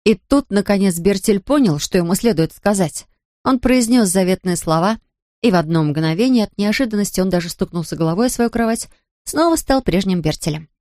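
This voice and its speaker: A woman narrating a children's story in a gentle, steady storytelling manner. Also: mid-range voice, a little fast, no echo, clean studio sound.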